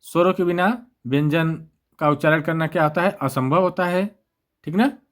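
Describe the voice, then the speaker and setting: Guy teaching exam grammar, voice a bit on the high side, keeps asking himself questions and answering. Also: normal speed, a bit bright. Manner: repetitive, asks and answers his own questions. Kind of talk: exam-prep grammar lesson.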